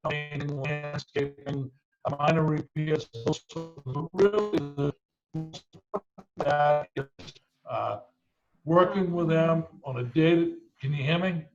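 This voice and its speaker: Guy on a glitchy video call, audio breaking up, kinda muffled, lots of uh pauses. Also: a little high. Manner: halting, with many "uh" pauses. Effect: choppy, breaking-up video call audio. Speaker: panelist describing a reentry program. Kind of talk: presenting on a video call panel.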